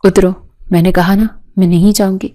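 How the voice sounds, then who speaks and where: A woman's voice: medium pitch, flat delivery, dark tone, natural voice. A woman reading the lines of a frightened young woman who accuses through tears. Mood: tearful. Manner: tearful, accusing.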